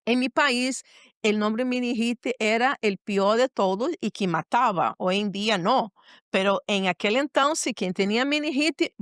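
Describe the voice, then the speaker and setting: A woman's voice: on the high side, unhurried, a bit bright, dry recording, studio quality. A middle-aged woman, a pastor and mother, telling a personal story earnestly in a podcast conversation, often repeating phrases. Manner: earnest, repeats phrases, acts out her own words.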